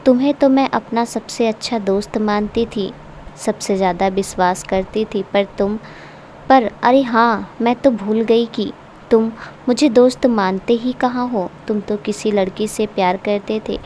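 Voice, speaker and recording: A woman's voice: medium pitch, unhurried, darkish tone, a little hiss or hum, close to an everyday voice. A woman voicing a grieving young widow who speaks in a bitter, accusing way.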